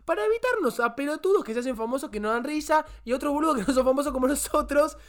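A young man with an Argentine accent, co-hosting a podcast in casual chat, animated and cutting in. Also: very high voice, fast. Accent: Argentine Spanish. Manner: animated, interrupting, swearing. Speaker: podcast co-host.

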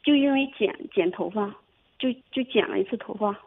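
A young woman calling in to a radio advice show, telling her story haltingly with many restarts. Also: mid-range voice, gravelly, breathy edge. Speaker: caller. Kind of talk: phone-in advice call. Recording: tinny phone line.

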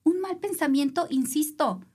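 Lively Mexican woman telling a race story. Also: sits high, moderate pace. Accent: Mexican Spanish. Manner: animated, acts out voices of others. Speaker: guest, triathlete. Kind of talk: casual interview storytelling.

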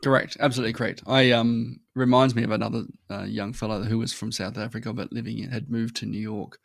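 A podcast guest talks casually and emphatically in an interview, often tacking a short "right?" onto his points. His medium-pitched voice is gravelly, fast and flat in delivery. The sound is studio quality with no room sound.

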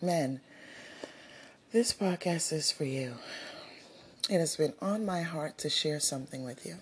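A middle-aged woman hosting her own podcast, talking to listeners in an earnest, unhurried motivational monologue with soft laughs and breathy asides. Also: low voice, slight background noise. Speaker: podcast host.

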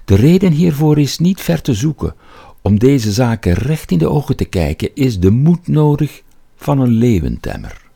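A man with a Flemish accent voicing a high-voiced literature professor who lectures and declaims a quotation. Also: very animated, moderate pace, creaky, warm tone, slightly rough, exaggerated voice. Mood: declaiming.

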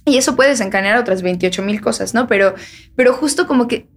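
A woman's voice: on the high side, fast. A young woman with a Mexican accent, chatting casually as a podcast host and acting out what others said. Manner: chatty, acts out quoted voices. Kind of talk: casual chat.

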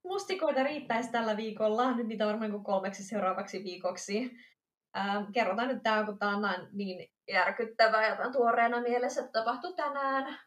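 Woman telling a lively story, roomy sound. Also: fairly high pitch. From Finland. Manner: lively storytelling, acts out dialogue with laughs. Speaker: podcast co-host. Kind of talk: casual chat. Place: lives in Amsterdam. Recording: roomy echo.

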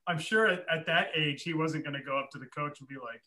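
A male host chats casually with his guest and adds playful, teasing remarks. His voice sits high and sounds very bright. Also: fast. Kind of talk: casual interview chat.

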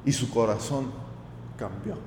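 A man preaching a sermon, animated and often checking in with his listeners by asking "right?". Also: mid-range voice, unhurried, a little hiss or hum. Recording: echoey hall with long reverb.

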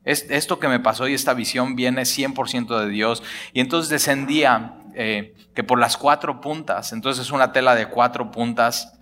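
A man preaching a lively sermon, acting out dialogue in colloquial speech. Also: medium pitch. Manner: animated, acts out dialogue, colloquial Mexican slang.

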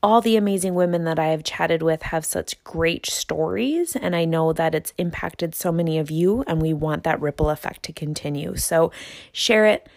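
A woman's voice: deep voice, moderate pace, gravelly, a little mellow, no room sound, studio quality. A woman with a Midwestern American accent hosting a podcast, opening the show and greeting her guest with gushing enthusiasm. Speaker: podcast host. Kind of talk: podcast intro and interview.

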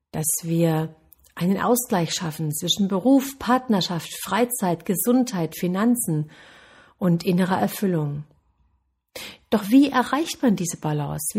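Woman, success coach; warm, slightly husky voice, earnest and encouraging. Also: on the low side. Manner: earnest, encouraging, speaks directly to listeners. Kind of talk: motivational talk.

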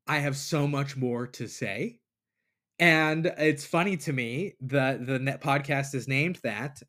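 A man's voice: fairly high pitch, fairly bright tone. Man casually thinking aloud about faith. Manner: thinking aloud, retelling scripture in casual everyday words. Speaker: podcast host. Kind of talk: casual reflective monologue on faith. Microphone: computer mic, recording in a browser app.

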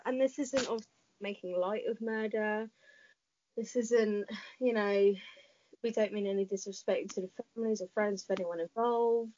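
A young woman co-hosting a casual podcast, brisk and teasing but earnest. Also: medium pitch, darkish tone, no room sound, lo-fi sound. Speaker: podcast co-host.

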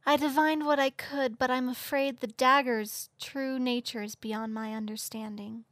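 A man's voice: extremely high pitch, level tone, a bit bright, no room sound, clean studio sound, pitched above the performer's own voice. A man voicing a frail, dying fay queen, in a weak, solemn and formal voice. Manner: solemn, slow, formal speech. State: weak and faint. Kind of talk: audiobook character voice.

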